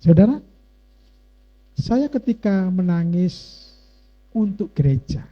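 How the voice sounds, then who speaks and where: Slow, impassioned preacher. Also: male voice, high-pitched, sing-song. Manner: emotional, impassioned, swings between hushed and loud. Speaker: pastor. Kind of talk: sermon with personal testimony. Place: church. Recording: dull, muffled lo-fi church recording.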